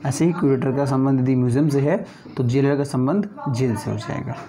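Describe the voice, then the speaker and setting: A man's voice: medium pitch, brisk, warm tone. A man teaching an exam-prep lesson, working through reasoning questions one by one and often checking in with his students.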